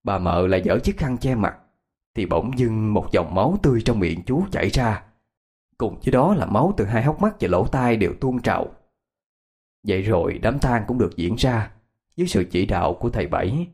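A man narrating a horror story in an expressive, dramatic way. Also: lowish voice, brisk, slightly rough. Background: faint music.

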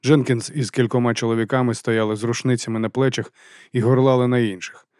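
A man narrating an audiobook in a measured, even reading voice. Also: medium pitch, dry recording, studio quality.

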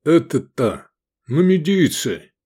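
A man voicing a gruff, hot-tempered male gladiator leader who barks commands. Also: fairly high pitch, sing-song, slow, mellow, voice pushed up, heavily acted. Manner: barking, commanding.

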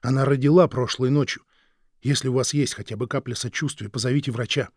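A man's voice: medium pitch, fairly even intonation, quick pace, a little mellow, no room sound, clean studio sound, close to an everyday voice. Male reader as a desperate young father: sincere, pleading, unadorned. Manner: pleading, earnest.

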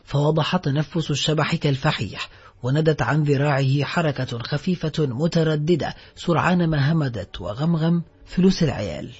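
A man narrating a literary novel as an audiobook in a steady, scripted reading. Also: on the high side, moderate pace, slightly rough. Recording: muffled lo-fi recording, faint music.

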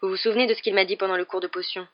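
A woman's voice: medium pitch, fairly even intonation, very fast, muffled recording, lightly acted. A woman reading aloud, voicing a brooding teenage boy who speaks curtly and with determination. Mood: intense. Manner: curt, determined.

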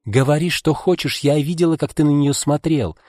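Man doing a shrill jealous young woman, high pitch, accusing, audiobook. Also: normal speed, darkish tone, dry recording, studio quality, lightly acted. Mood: furious.

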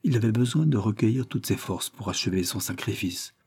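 A man narrating a historical novel in measured, even storytelling. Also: lowish voice, breathy edge. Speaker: audiobook narrator.

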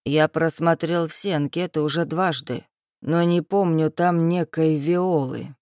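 A woman reading a storybook, voicing a cold, menacing man who purrs low and then barks orders. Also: steady tone, unhurried, darkish tone, no room sound, clean studio sound. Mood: cold interrogating. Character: cold, menacing man, a powerful boss's right hand.

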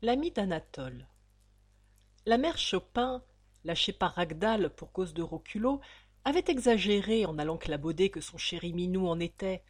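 A woman narrating a novel aloud as an audiobook, with an expressive, lively reading. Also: fairly low pitch, normal speed, husky, no room sound, studio quality. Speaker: audiobook reader.

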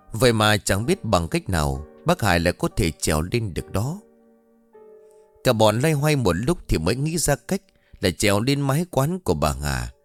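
Animated male ghost storyteller. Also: medium pitch.

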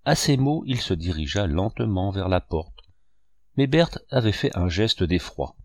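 A man reads a classic novel in a measured, expressive way. His voice is very low and deep. The recording is dry with no room sound. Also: no room sound. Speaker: narrator. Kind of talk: audiobook narration.

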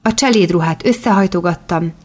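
A woman narrates an audiobook in the first person, with calm, measured storytelling. Her voice sits slightly low for a woman.

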